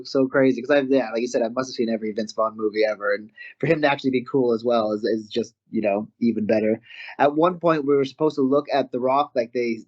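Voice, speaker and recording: A Canadian man tells stories as an interview guest, lively and quick to break into laughter. His voice sits at a middle pitch for a man. The audio is a little muffled. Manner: animated, laughs often mid-story. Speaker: guest wrestler. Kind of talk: casual interview storytelling.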